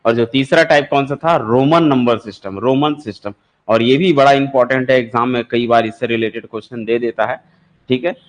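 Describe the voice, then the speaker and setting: A man's voice: mid-range voice, a little fast. A man teaching maths for exam preparation, explaining step by step and asking his students questions before he answers them. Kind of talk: classroom lecture for exam prep.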